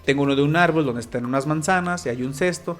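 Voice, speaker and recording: A man with a Mexican Spanish accent speaks fast in a fairly high voice. He's a sign language interpreter appearing as a guest in a casual interview, explaining things patiently with examples.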